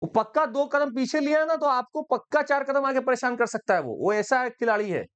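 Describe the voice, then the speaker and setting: A male exam-prep teacher lecturing in a chatty, lively style, joking and slipping in English phrases. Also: extremely high pitch, fairly quick, clear, resonant tone.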